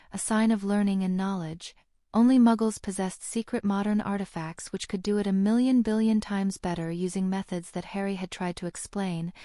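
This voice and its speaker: A woman reading an audiobook in a steady, even narrating voice. Her tone is mellow and dark. The recording is close and dry, with no room sound. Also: medium pitch, dry recording. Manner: steady, even storytelling delivery.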